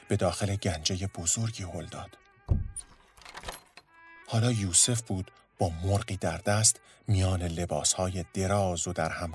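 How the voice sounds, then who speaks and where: Deep-voiced male story narrator. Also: fairly bright tone.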